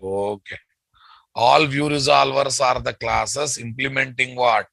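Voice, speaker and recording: Forceful Telugu-accented man teaching. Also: mid-range voice, fairly even intonation, unhurried, creaky, dry recording. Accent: Telugu Indian English. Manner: emphatic, repetitive, quizzes listeners with tag questions. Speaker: programming instructor. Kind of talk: classroom lecture, repeating terms for dictation.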